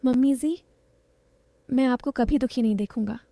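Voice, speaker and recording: A woman voicing an infatuated young son-in-law who speaks in a soft, pleading way. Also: very high voice, normal speed, vocal fry, dry recording.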